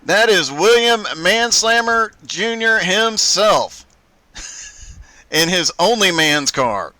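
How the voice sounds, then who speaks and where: Bright, crisp-voiced male race commentator. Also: high-pitched, lively intonation, slow, dry recording. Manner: upbeat, laughs often, play-by-play. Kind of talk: live sim racing commentary.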